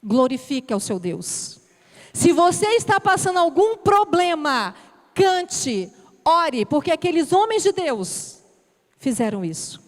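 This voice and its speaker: A woman's voice: high voice, sing-song, slow pace. A Brazilian woman preaching a sermon in a church, telling an emotional personal testimony and acting out her prayers. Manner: emotional storytelling with quoted prayers. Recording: church hall reverb.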